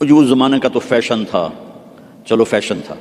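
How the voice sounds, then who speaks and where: A preacher from Pakistan, telling a religious story vividly in a sermon. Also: male voice, medium pitch, a little mellow. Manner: vivid storytelling with demonstrative asides. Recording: long hall reverb.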